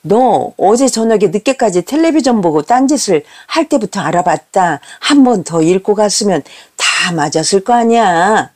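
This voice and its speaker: A woman voicing a strict middle-aged mother who scolds her children with sharp, reproachful questions. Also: medium pitch, big pitch swings, measured pace, long pauses. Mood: scolding.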